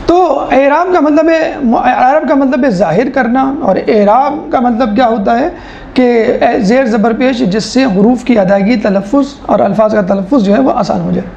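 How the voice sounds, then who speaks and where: A woman's voice: a little high, vocal fry, dark tone, reverberant, muffled recording, a little hiss or hum. A woman lecturing as a teacher, explaining step by step with rhetorical questions and mimicking how people talk. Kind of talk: classroom lecture.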